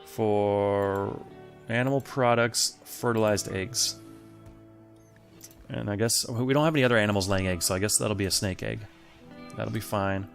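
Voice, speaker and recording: A man's voice: lowish voice, unhurried, vocal fry, long pauses. A man hosting a let's play, thinking aloud and chatting casually to the game's characters as he plays. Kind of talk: casual gameplay commentary. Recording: faint game music behind.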